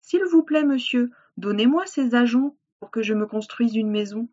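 A woman's voice: fairly high pitch, lively intonation, moderate pace, dark tone, highs cut off. A woman voicing a polite, clever little male piglet in a children's storybook reading, asking politely and eagerly. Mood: pleading.

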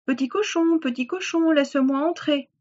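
A woman voicing a sly, hungry male wolf in a children's storybook reading, coaxing and drawing out his threats slowly. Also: high voice, darkish tone, highs cut off, pitched above the performer's own voice, natural voice. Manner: coaxing, then slow drawn-out threats.

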